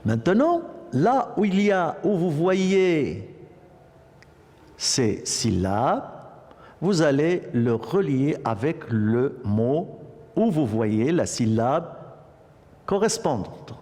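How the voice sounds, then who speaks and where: A male primary school teacher gives a French lesson to young pupils, drawing out each word very slowly. His pitch swings widely as he encourages the class. A long reverb hangs on his voice. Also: sing-song, dark tone. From Morocco. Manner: slow, repetitive, encouraging classroom delivery.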